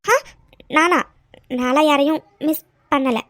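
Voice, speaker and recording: A soft hesitant young woman in a cartoon, super high voice, dry sound. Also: slow, no room sound. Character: tender, emotional young woman, often tearful. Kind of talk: cartoon dub dialogue.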